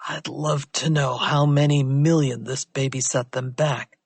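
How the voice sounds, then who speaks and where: A woman reading an audiobook, voicing a gruff, smug male detective with clipped, wry lines. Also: very deep voice, steady tone, measured pace, darkish tone, no room sound, full character voice. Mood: dry, smug.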